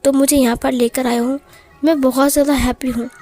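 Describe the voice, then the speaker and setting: A woman's voice: sits high, level tone, a little fast, warm tone, faint music behind. A woman voicing a cheerful, lovestruck young man who sweetly insists on his feelings.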